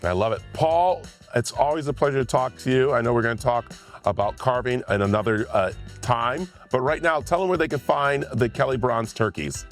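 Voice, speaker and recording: A man's voice: mid-range voice, moderate pace, soft background music. A man hosting a TV segment, talking with a guest in an enthusiastic, playful manner. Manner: enthusiastic and playful, building suspense. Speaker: TV host. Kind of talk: interview chat.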